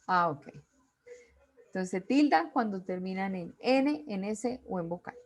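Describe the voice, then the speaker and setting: Slow, deliberate woman teacher. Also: medium pitch, expressive. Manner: slow, deliberate, reads out word lists. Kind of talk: online class lecture.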